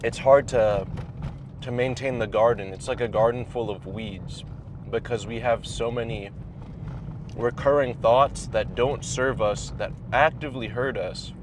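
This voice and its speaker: Young guy giving chill thoughtful advice while driving, kinda halting, talking with food in his mouth, car rumble behind him. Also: steady tone. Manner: talking while eating, mouth at times full; halting, thoughtful, pausing mid-phrase. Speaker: vlogger giving personal advice. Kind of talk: casual reflective advice monologue. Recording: clear vehicle and road noise. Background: car and road rumble.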